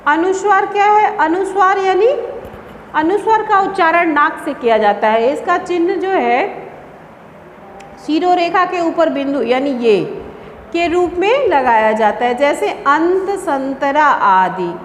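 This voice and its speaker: A high-pitched woman teaches a class, patiently repeating terms and posing questions she then answers herself. Her voice rings in a room with a long, echoing reverb. A faint hiss runs under it. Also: expressive, a little slow. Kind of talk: classroom lesson.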